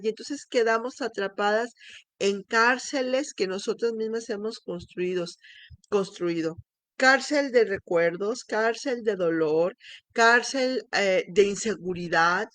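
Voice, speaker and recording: A woman's voice: mid-range voice, no echo. Emotional woman telling her story. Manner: candid and emotional, with frequent restarts and laughs. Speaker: speaker sharing her testimony. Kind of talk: personal testimony talk.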